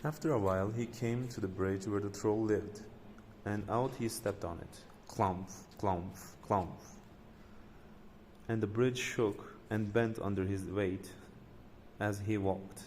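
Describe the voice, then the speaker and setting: A man's voice: lowish voice, fairly even intonation, unhurried, a little mellow, long reverb tail, a little hiss or hum. A man reading a folk tale aloud, with frequent slips and restarts. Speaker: storyteller.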